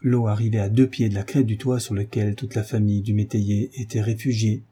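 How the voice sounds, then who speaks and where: Male audiobook narrator, measured, dramatic, gravelly husky voice, dark tone. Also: on the low side, flat delivery. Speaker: audiobook reader. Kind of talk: scripted narration.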